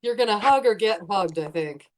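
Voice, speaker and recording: A woman player talking casually during a tabletop game, with a middling pitch. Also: lively intonation, normal speed.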